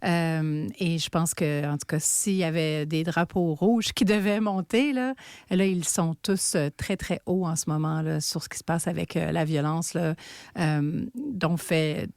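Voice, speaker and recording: Québécoise journalist guest, middle-aged, lowish voice, dry close sound, earnest and measured. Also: female voice, steady tone, a little mellow, dry recording. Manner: earnest and thoughtful, many fillers. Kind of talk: conversational interview.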